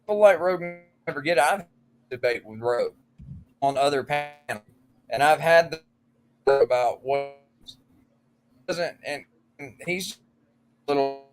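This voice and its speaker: A man's voice: on the high side, animated, a little slow, long pauses, music in the background. A man talking bluntly and earnestly on a livestream panel over a bad internet connection that breaks up and sounds robotic. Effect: bad internet connection, choppy and robotic. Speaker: panel guest. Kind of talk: casual livestream panel chat.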